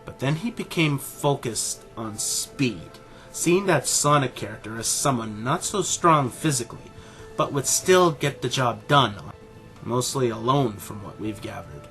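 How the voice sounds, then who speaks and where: Voicing a condescending, self-important middle-aged animal scientist and father, this actor speaks with pompous deliberation in a scripted audio drama. His delivery is medium-pitched, expressive, and a bit bright, though the audio quality is poor and soft music plays underneath.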